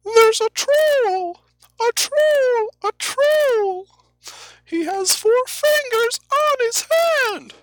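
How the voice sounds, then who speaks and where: A man voicing a frantic, shouting male guild crier who brings news in a tabletop-style podcast story. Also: very high-pitched, animated, extremely slow, no echo, soft background music, pitched above the performer's own voice, full character voice. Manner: shrieking, shouting alarms.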